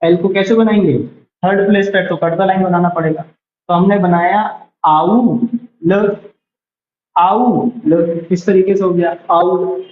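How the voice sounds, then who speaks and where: A young man teaching a beginners' shorthand class, patiently repeating each word slowly and checking whether anyone has doubts. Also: sits high, little pitch movement. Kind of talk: classroom lesson. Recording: roomy, dull lo-fi sound.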